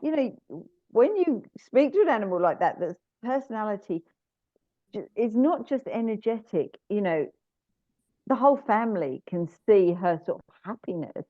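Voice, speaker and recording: A woman guesting on an interview and talking about her work with animals, chatty and animated, with many fillers and restarts. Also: mid-range voice, normal speed, dry recording. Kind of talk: casual interview chat. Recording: dry tinny phone-like line.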